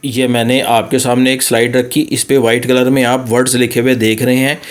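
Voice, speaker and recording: A man teaches pronunciation over slides, slowly repeating sounds for practice. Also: medium pitch, flat delivery. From Pakistan. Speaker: language teacher. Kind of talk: slide-based pronunciation lesson.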